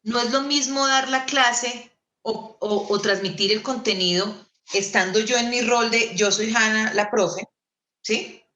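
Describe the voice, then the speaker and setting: A Colombian woman storyteller giving an animated, theatrical lecture over a video call. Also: a little high, a little slow. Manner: theatrical, playful, shifting into put-on voices. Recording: echoey room.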